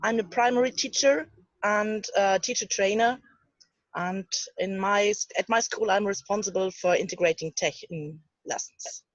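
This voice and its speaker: A woman's voice: medium pitch, moderate pace, dry recording. A woman with a mid-range voice on dull, dry video-call audio. She gives a short, hesitant introduction. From Berlin, Germany. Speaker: primary teacher. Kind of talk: casual self-introduction.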